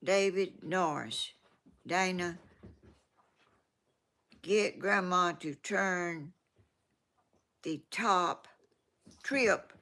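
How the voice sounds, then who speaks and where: Speaking very slowly with long pauses, an eighty-something woman reads out comments from her viewers. Her fairly low voice has a sharp edge and a Georgia Southern accent, and her casual, rambling talk keeps trailing off and restarting.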